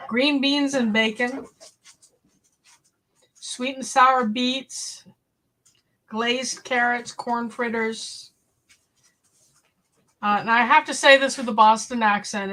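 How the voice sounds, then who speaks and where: A woman's voice: on the high side, bright, forceful tone. A woman from New England hosting a casual live stream, chatting with viewers and reading recipe lists aloud from an old cookbook. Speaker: homestead channel host.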